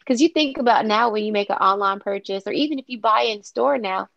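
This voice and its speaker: A woman's voice: medium pitch, fast, gravelly, a bit bright, dry recording, highs cut off. A woman teacher talking casually in a book club discussion, chatty and hesitant, with fillers and restarts.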